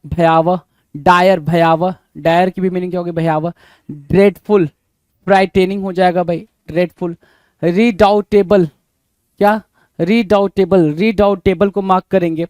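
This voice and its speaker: A man teaches English synonyms and antonyms in an exam-prep lesson, quizzing listeners over and over. His voice sits high and light. The sound is close and dry, with no room around it. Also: a little mellow, dry recording. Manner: quizzing, keeps asking "bhai?" then answering.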